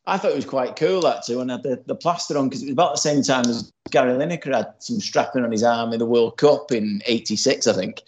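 A man's voice: mid-range voice, fast, few pauses, a little mellow. Rambling man on dull lo-fi audio. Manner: rambling, lots of fillers and restarts, earnest. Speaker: podcast co-host. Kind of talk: casual podcast chat.

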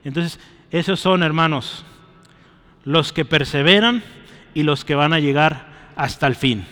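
A man's voice: a little high, measured pace, pushed and bright, big-room sound. A man preaching a sermon and closing in prayer, urging his listeners and often checking in with a short "right?" and "brother". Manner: exhorting, often adds "¿sí?" and "hermano" to his phrases.

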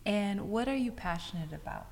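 A woman's voice: mid-range voice, lively intonation, normal speed, a little mellow, big-room sound, slight background noise. A woman hosting a podcast interview, asking questions and giving encouraging affirmations. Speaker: podcast host. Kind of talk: scripted intro and interview questions.

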